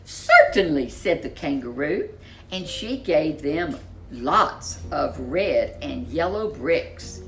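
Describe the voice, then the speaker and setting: A woman hosting a reading narrates a children's story expressively, drawing out key words for dramatic emphasis. Her voice sits low, with faint music behind it.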